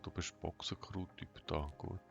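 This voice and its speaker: A man giving an unscripted game walkthrough in a flat, emotionless monotone, thinking aloud in short, hesitant fragments. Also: sits low, a little slow, gravelly. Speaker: gaming tutorial host. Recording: dull lo-fi sound, music behind.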